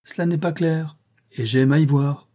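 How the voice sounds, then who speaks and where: A man's voice: fairly high pitch, steady tone, moderate pace, mellow, lightly acted. A man voicing a cynical, mocking male bandit captain with an ironic manner in an audiobook reading.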